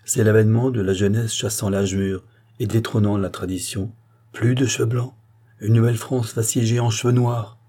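A man's voice: on the low side, fairly even intonation, moderate pace, mellow, close to an everyday voice. A man voicing an earnest male politician who urgently explains and warns a queen, in a French audiobook reading.

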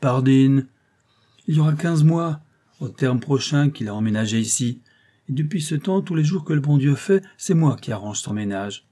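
A man's voice: medium pitch, animated, moderate pace, warm tone, voice pushed up, natural voice. A man reading an audiobook voices a stout, chatty older female concierge who talks in a gossipy, homely way.

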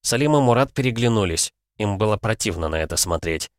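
A man narrating an audiobook in a calm, even reading. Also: fairly low pitch, fairly quick, no room sound, studio quality. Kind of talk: scripted narration.

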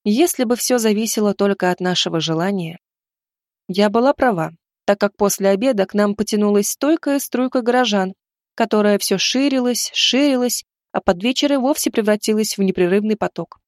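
A woman narrating a first-person fantasy audiobook, expressive and storytelling. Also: medium pitch, fairly quick, no room sound, studio quality.

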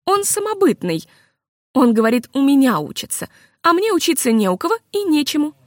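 A woman voicing a proud, devoted wife who breaks into shrill, sobbing outbursts in a storybook. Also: sing-song, brisk, dry recording, clean studio sound.

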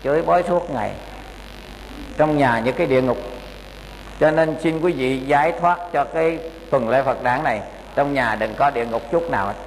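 A man's voice: medium pitch, moderate pace. A man, a Buddhist monk giving a folksy, admonishing sermon to lay followers in a temple hall. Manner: folksy and admonishing, with humorous anecdotes. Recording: echoey hall with faint hum.

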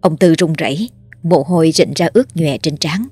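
Give me a woman telling a horror story, low-pitched and dry, over faint music. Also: normal speed, darkish tone, slightly rough, no echo.

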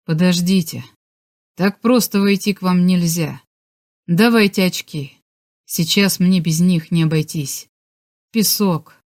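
A woman's voice: fairly low pitch, slow pace, long pauses, a little mellow. A woman voicing a secretive, urgent fugitive man. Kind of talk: audiobook character voice.

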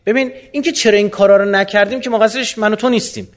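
A man answering audience questions in a colloquial lecture, animated and full of rhetorical questions. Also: high-pitched.

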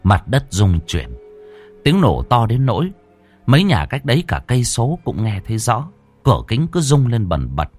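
A man narrating a horror story in an expressive storytelling manner. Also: mid-range voice, normal speed. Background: faint background music.

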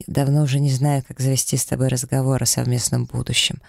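A man reading a romance audiobook, voicing a confident man in love who speaks softly and reassuringly. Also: medium pitch, flat delivery, fast talker, gravelly, no room sound, clean studio sound, lightly acted. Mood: tender. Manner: soft, warm-hearted and reassuring.

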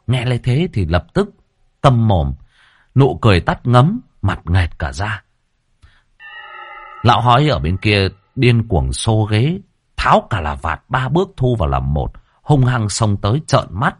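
A man narrating a comic ghost story in a lively, animated way. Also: on the low side, breathy edge, no room sound, studio quality.

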